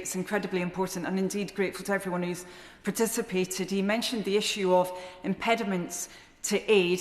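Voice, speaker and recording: A woman speaking formally as a member of parliament in a debate. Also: mid-range voice. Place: large indoor debating chamber. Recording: echoey chamber with long reverb.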